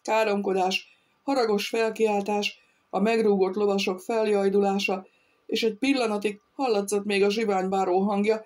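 A woman narrating an audiobook in a steady, measured storytelling voice. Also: mid-range voice. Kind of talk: scripted narration.

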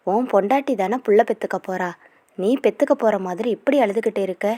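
A woman voicing a brisk, commanding old grandmother who scolds and teases her grandsons, in a storybook reading. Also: medium pitch, dark tone, dry recording, close to an everyday voice. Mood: scolding.

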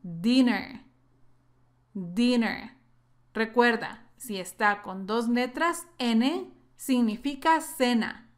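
Slow-spoken woman teaching pronunciation. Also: a little high. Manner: slow, careful drilling of words twice. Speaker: English teacher. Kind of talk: pronunciation lesson.

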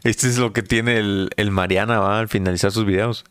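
A man's voice: fairly low pitch, steady tone, moderate pace, smooth, no echo, clean studio sound. Joking streamer man. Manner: joking, slangy, chatty. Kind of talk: casual stream chat.

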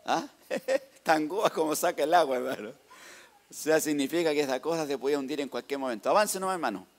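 A man with a Chilean accent giving a lively church testimony, narrating slides and often calling out to the congregation. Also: on the high side, brisk. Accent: Chilean Spanish. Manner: lively storytelling, tags "hermano" and "¿ah?".

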